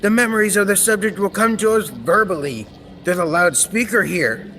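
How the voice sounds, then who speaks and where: In a reverberant hall with steady noise and soft music behind him, a young male student actor voices a proud, earnest inventor from an old-time radio serial. His pitch sits high and his pace is moderate as he delivers formal, technical explanations.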